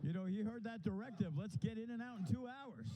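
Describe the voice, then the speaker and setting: High-voiced man giving wrestling commentary. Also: a little fast, heavy background noise. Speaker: wrestling commentator and match booker. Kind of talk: conversational live wrestling commentary. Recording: music under live commentary. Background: music.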